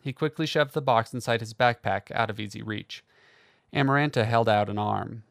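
Gravelly male audiobook narrator. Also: mid-range voice, no echo, studio quality. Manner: steady, measured reading. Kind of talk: scripted fantasy novel narration.

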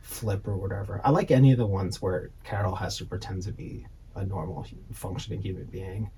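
A man's voice: low voice, fairly even intonation, fairly quick, mellow, slight background noise. A man co-hosting a podcast, chatting casually and rambling with lots of fillers and swearing. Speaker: podcast co-host; designer. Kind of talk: casual chat.

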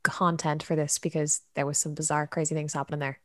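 Excitable young Irish woman, lowish voice. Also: no room sound, studio quality. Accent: Irish, Cork. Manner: excitable, quick exclamations, many "like" fillers. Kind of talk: casual chat.

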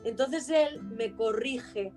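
A woman's voice: on the high side, slow, music in the background. A woman from Spain, a singer and poet, talking with passion and emphasis in a casual interview.

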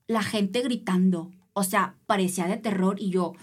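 A woman with a Mexican Spanish accent, a triathlete guest telling a race story in a casual interview, animated and acting out other people's voices. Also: medium pitch, normal speed, breathy edge.

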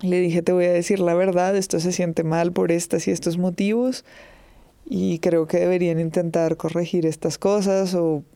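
A woman answering interview questions in a measured, thoughtful way, pausing and restarting as she speaks. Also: on the low side, steady tone, mellow, no echo.

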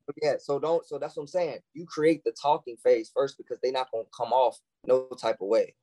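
A man's voice: medium pitch, fairly even intonation, brisk, warm tone, no room sound, low-quality recording. A young man, a guest on a podcast, talking in casual chat and acting out quoted lines in shifting voices.

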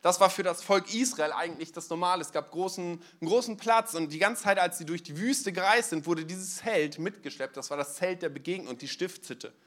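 A man's voice: high voice, a little fast, hardly any pauses, a bit bright. A man giving a conversational sermon at a church service. He tells the story casually, uses everyday fillers and speaks directly to the congregation. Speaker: preacher.

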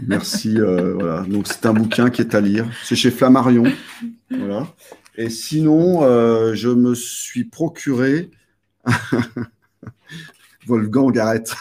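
A man hosting a casual live stream with a lowish voice. He rambles and restarts often, padding his talk with fillers. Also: a little mellow.

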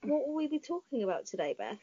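A woman's voice: high-pitched, sing-song, mellow, no echo. Teasing young woman on a dull, dry mic. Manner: brisk, teasing, earnest. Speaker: podcast co-host. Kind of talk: casual podcast chat.

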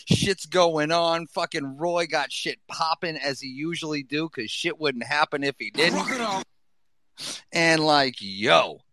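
A man's voice: a little high, slow, sharp tone, no echo. A man with a Boston accent hosting a podcast in a casual, slangy, rambling style full of swearing. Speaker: podcast host. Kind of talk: casual, profane hype-man chat. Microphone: gaming headset.

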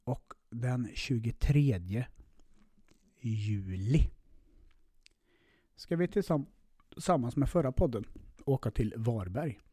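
A man's voice: medium pitch, expressive, pauses often, dark tone, slightly rough, no echo, studio quality. A man hosting a podcast, telling a personal story in a casual way with lots of swearing, fillers and restarts. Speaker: podcast host.

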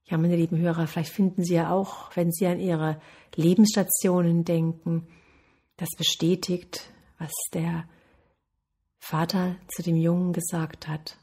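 Woman, success coach; warm, slightly husky voice, earnest and encouraging. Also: fairly low pitch, little pitch movement, measured pace. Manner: earnest, encouraging, speaks directly to listeners. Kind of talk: motivational talk.

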